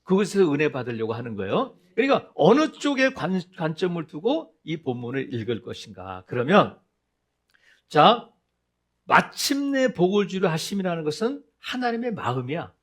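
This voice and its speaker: A man's voice: fairly high pitch, sing-song, moderate pace. A male pastor giving a sermon in a conversational storytelling way, asking the congregation questions and acting out the voices in his stories.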